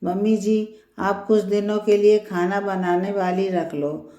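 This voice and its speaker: A woman's voice: medium pitch, flat delivery, unhurried, warm tone, echoey room, natural voice. Woman voicing a polite, dutiful young daughter-in-law.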